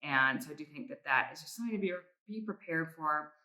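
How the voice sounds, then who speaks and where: A woman's voice: low voice, animated, fast talker, bright, forceful tone, low-quality recording. A woman vlogger giving a casual personal update in a reflective, somewhat hesitant way.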